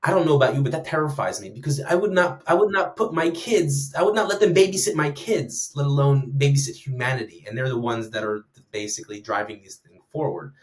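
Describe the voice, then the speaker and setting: A man in his thirties talking in an animated, rambling way, with many "like"s and restarts, in a casual podcast chat. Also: medium pitch, a little fast, hardly any pauses. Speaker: guest speaker on conversation design.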